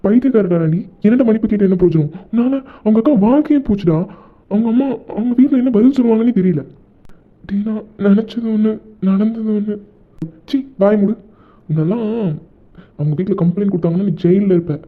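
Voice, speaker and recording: A man's voice: high voice, flat delivery, brisk, long pauses. A man voicing Aadhi, a blunt, teasing young man who scolds and bosses his friend, in an amateur audio drama. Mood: scolding. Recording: tinny phone-like recording.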